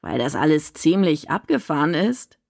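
A woman's voice: low-pitched, sing-song, moderate pace, creaky, darkish tone, no room sound, studio quality, heavily acted. A woman reading a storybook, voicing a nervous young boy who speaks hesitantly and carefully. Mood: wary.

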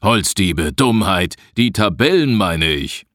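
A growling, curt old forester with a very deep, low voice, as a man reading puts him on. He is short-tempered and grumbles every word. The sound is dry and close. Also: animated, slow pace, fairly bright tone, no echo, exaggerated voice. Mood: grumpy. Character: gruff grumbling old male head forester.

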